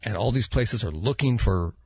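An older American male podcast host chats in a husky voice. He rambles and halts as he reminisces, close on the mic in a dry room. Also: lowish voice, animated, moderate pace, no room sound. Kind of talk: casual chat. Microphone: close studio microphone.

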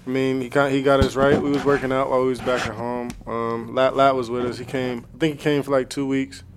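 A young man co-hosts a laid-back sports interview, his voice at a middle pitch. He rambles easily, leaning on fillers as he builds up his questions. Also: little pitch movement, a little fast, a little hiss or hum. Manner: easygoing, rambling with many fillers. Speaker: podcast co-host. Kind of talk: casual interview.

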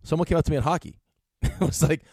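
A man co-hosting a sports radio show, ribbing his partner and laughing often in quick, casual banter. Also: on the high side, a little mellow, breathy edge, no room sound.

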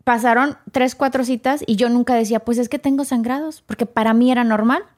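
A woman's voice: on the high side, a little fast. A woman, a podcast guest telling her own story with emotion and acting out the people in it. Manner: animated, acts out quoted dialogue.

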